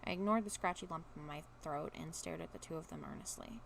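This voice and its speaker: A woman's voice: low voice, lively intonation, quick pace, slight background noise. A woman vlogger reads a first-person story aloud with expression and breaks off now and then for casual asides. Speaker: vlogger reading a book aloud.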